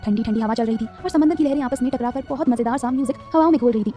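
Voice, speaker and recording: A woman narrating a serialized romance story in a dramatic, fast scripted style. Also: a little high, dark tone, soft background music.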